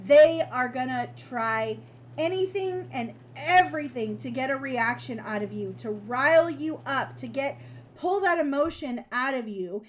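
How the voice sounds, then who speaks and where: A woman with a high voice talks in a casual podcast chat. She gives advice with emphasis and hammers home her main points by repeating them. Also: a little hiss or hum. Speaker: podcast co-host.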